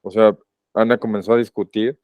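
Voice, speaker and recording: A man with a Mexican accent tells his own story as a podcast guest. His voice is low, smooth and resonant, and he speaks in a reflective, halting way, often stopping to rephrase. The sound is dry and a little dull, like a lo-fi recording. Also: level tone, no room sound. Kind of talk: personal testimony in a podcast interview.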